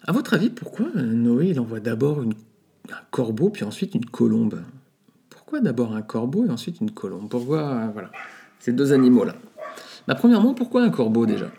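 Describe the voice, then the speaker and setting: A man with a gravelly, mellow voice hosts a Bible podcast. He reads scripture aloud and then explains it in an unhurried teaching manner. He often pauses on fillers and adds small asides. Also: mid-range voice, very animated. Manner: unhurried, many hesitations and asides. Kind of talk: scripture reading and commentary.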